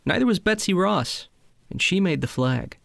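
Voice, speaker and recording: Deadpan man in mock-meditation voice. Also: high voice, normal speed, gravelly, dry recording, clean studio sound. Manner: deadpan, soothing parody, breaks into banter. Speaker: comedy podcast co-host.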